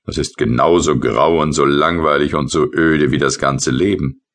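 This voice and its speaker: A man's voice: extremely low pitch, moderate pace, a bit bright. A man voicing a grumpy, weary male painter in a children's audiobook, sulky and complaining. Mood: grumbling.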